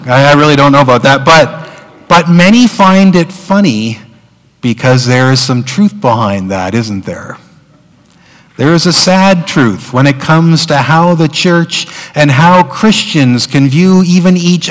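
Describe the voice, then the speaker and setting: Male pastor, conversational sermon delivery, slightly high voice, echoing church hall. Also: expressive, unhurried. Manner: conversational, with filler words and restarts.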